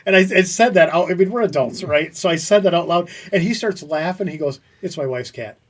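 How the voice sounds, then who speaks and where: A man co-hosting a podcast, telling lively stories in a casual chat. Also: high voice, a little fast, recorded from a distance. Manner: animated storyteller who acts out quotes.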